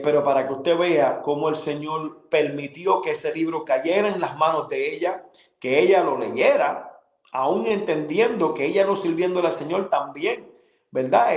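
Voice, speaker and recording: Earnest man giving a halting testimony. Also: on the high side, roomy sound, rough recording. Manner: halting, full of fillers and repeated words, earnest. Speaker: guest sharing a personal testimony.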